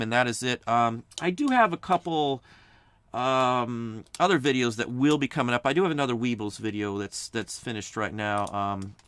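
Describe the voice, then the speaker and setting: A man's voice: medium pitch, bright, forceful tone, clean tone, dry recording. A man hosting a reseller channel, talking casually on a livestream in a rambling way, often repeating himself. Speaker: channel host.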